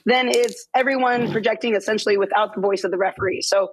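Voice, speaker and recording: A slightly hoarse woman giving measured, explanatory rules analysis on a studio football panel. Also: mid-range voice, steady tone, no echo, rough recording. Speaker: refereeing analyst.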